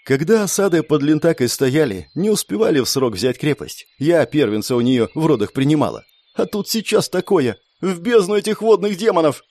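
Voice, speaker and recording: Brutal female camp sergeant, man doing the voice, raised pitch, shouting, dry close audiobook sound. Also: lively intonation, a little fast, dry recording. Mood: tearful recounting. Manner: barking orders, insulting. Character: fierce scarred woman sergeant, harsh and loud.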